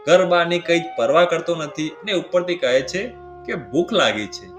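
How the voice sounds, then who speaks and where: A man narrating a scripted devotional story in a measured, solemn way. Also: a little high, animated. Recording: roomy with clear devotional music behind.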